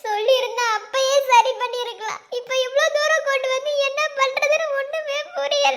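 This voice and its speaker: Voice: very high voice, little pitch movement, moderate pace, heavy background noise. A performer voicing a young woman in a cartoon, tearful and anxious over her dying friend. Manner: tearful, pleading. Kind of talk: cartoon voice acting.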